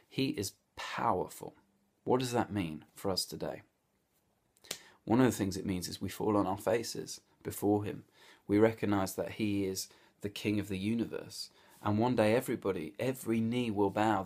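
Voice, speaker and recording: A man leads a devotional Bible talk in a fairly low voice. He tells the passage like a story, building vivid what-if scenes and letting his delivery swell and settle as he goes. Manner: storytelling, animated, with vivid hypotheticals. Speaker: Bible teacher.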